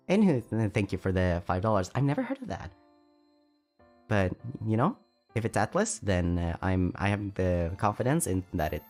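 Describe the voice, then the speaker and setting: A man streaming casually, reading donations aloud and answering chat, chatty and self-deprecating, often stumbling over his words. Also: on the low side. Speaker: VTuber streamer.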